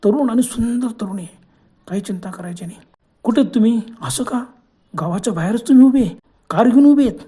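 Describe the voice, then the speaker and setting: A man voicing a sly, scheming young man in a spoken horror story, talking loudly and excitedly. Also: very high voice, brisk, breathy edge, voice pushed up. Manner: loud, agitated exclamations.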